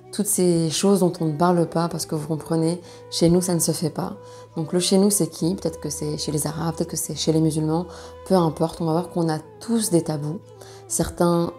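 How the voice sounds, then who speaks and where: Female educator, very low register, mellow and creaky, measured explainer delivery with pauses. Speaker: sexologist presenting a video.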